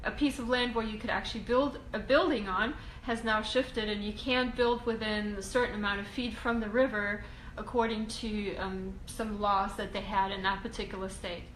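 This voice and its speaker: A woman from Russia, a real estate investing educator, answering viewer questions in a casual Q&A video, halting with frequent ums and restarts. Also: medium pitch, steady tone, a bit bright. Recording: echoey room, faint ambient hiss.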